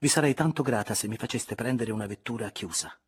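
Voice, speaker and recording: A man reading aloud and voicing an anguished young noblewoman, pleading and often breathy and whispered. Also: lowish voice, quick pace. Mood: gentle. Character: anguished young noblewoman, tender yet wounded.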